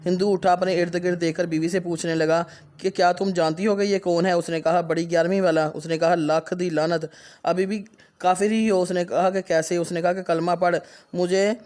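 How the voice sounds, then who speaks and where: A man with a high voice delivers a storytelling sermon, switching quickly between the people of his tale as he recounts their exchanges. His pitch stays fairly level, with little rise and fall, so the telling has a steady, insistent drive. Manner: narrates a miracle tale, acting out dialogue in quick turns. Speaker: preacher.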